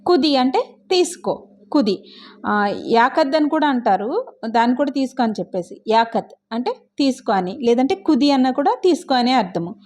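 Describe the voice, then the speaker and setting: A young woman with a high voice talks through a casual vlog lesson. Her first language is Telugu, and she explains each word in a chatty way, often with small stories. She keeps stopping to check that her listeners are following. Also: darkish tone. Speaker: vlogger teaching Arabic words.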